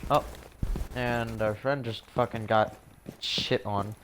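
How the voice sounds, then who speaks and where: A man's voice: mid-range voice, steady tone, takes it slowly, noisy background. A man gaming with a friend who keeps cutting in with crude heckling jokes. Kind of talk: casual gameplay chat.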